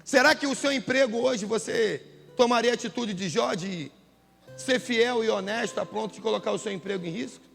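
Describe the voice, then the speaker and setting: Pastor preaching in a church, high gravelly voice, long echo and soft guitar behind. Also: male voice, brisk. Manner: casual, slangy storytelling. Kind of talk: sermon. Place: church hall.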